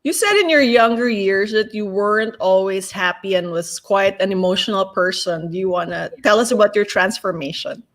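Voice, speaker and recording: A woman hosting an interview show, reading a scripted intro and then chatting with a guest in an upbeat way, often answering with a quick "right". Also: mid-range voice, a bit bright. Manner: upbeat, frequent affirming "right". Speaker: talk show host.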